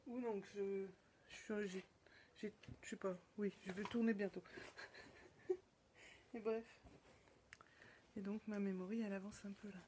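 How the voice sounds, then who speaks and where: A French woman of medium pitch chats casually to her viewers while unboxing gifts, gushing in bursts and then sinking into a hushed near-whisper. Her voice sits over a clearly audible background noise. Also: steady tone, a little slow, pauses often, rough recording. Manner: delighted exclamations, often drops to a soft near-whisper. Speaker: knitting podcast host. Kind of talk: casual unboxing chat to camera.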